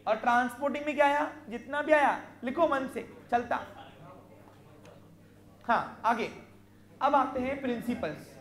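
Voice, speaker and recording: A commerce teacher lecturing a class, asking questions and answering them, and slowly dictating definitions. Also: sits high, fairly bright tone, roomy sound. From Maharashtra, India. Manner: quizzes students, answers own questions.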